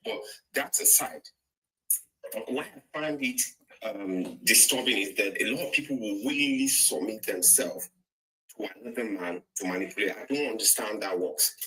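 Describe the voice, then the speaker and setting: Low, forceful Nigerian caller. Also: male voice, normal speed, poor audio. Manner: emphatic storytelling. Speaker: caller on a live stream. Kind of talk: casual call-in chat.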